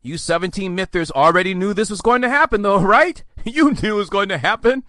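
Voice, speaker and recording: A man's voice: high voice, lively intonation, a little fast, bright, forceful tone, no room sound. A man hosting a podcast, ranting sarcastically with theatrical mock outbursts. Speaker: podcast host. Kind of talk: sarcastic solo podcast rant.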